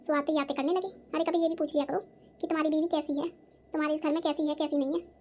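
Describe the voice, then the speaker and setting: A defiant young daughter-in-law in a cartoon who talks back and complains about her in-laws, voiced by a woman. Her voice is high. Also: steady tone, fast, darkish tone, close to an everyday voice. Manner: defensive, answering back. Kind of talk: cartoon voice acting.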